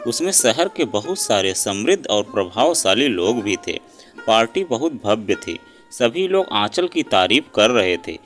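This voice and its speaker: A man narrating a scripted family story in a dramatic, expressive way. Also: lowish voice, unhurried. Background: soft background music.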